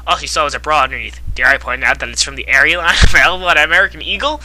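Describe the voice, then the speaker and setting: A woman's voice: deep voice, very fast, bright, forceful tone, slight background noise, rough recording. A young woman reading bad fanfiction aloud in a mocking, dramatic way, giggling, exasperated, and dropping into silly character voices. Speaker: fanfiction reader.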